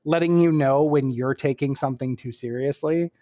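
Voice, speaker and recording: A man's voice: medium pitch, normal speed, warm tone. A man in casual podcast chat who rambles with lots of fillers and jokey asides.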